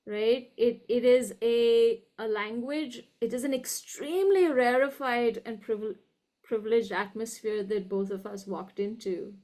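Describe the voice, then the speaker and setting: Pitched a little high and warm in tone, a woman who is a university professor answers interview questions as a guest in educated upper-class Indian English. She comes across as thoughtful and articulate, stressing points deliberately and frequently adding "right?" to check in.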